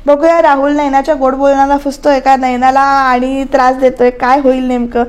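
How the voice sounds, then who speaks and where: A woman with a high voice narrates a TV serial recap over a voice-over mic. She is chatty and easygoing, and she keeps turning to talk straight to her viewers. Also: level tone, moderate pace. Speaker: TV serial reviewer.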